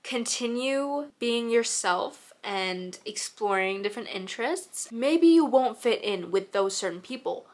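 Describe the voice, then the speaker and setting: A woman's voice: on the high side, lively intonation, a little slow, hardly any pauses. A young woman in her teens chatting casually as a host who reads confessions and gives advice, with an earnest, encouraging manner. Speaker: host reading viewers' confessions and giving advice. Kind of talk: casual advice chat and reading submissions aloud.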